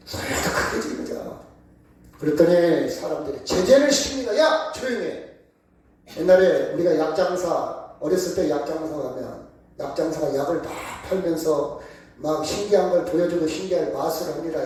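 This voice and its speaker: In a church sanctuary, a pastor delivers a sermon with emphatic call-and-response questions. He speaks on the high side with a dark tone, his voice distant and swimming in heavy echo.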